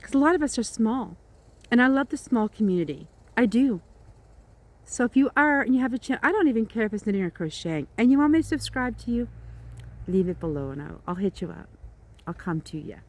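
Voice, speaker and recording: A woman's voice: fairly high pitch, lively intonation, fairly quick, darkish tone. A middle-aged woman rambling casually to her viewers outdoors, in a chatty, informal way. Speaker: vlogger. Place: outdoors in the countryside.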